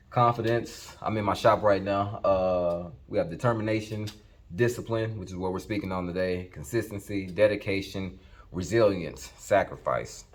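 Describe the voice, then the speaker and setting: A man in his thirties with a very low voice talks straight to camera in his workshop. He is laid-back and slangy, cussing now and then, and his words come out slightly slurred from dental aligners. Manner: laid-back, swears casually, slang-heavy. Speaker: fitness vlogger. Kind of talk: casual motivational talk to camera.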